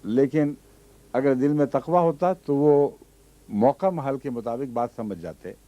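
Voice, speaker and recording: A man's voice: medium pitch, unhurried, dry recording. A man giving a Quran commentary lesson, reciting Arabic verses and then explaining them patiently. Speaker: Quran teacher. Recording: dull lo-fi archive recording.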